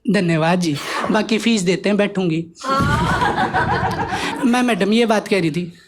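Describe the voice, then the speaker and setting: A man's voice: high-pitched, measured pace, heavy background noise, pitched below the performer's own voice. A man doing a blunt Haryanvi village mother. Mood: mock polite. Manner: blunt, coarse, threatening, falsely polite. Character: blunt rustic Haryanvi Jat mother, loud, fierce.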